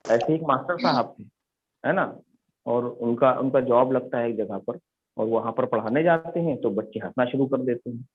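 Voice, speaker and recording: A man's voice: mid-range voice, husky. Male teacher, classroom lesson, asks students questions, repeats key words, tinny phone-like sound. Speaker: English teacher.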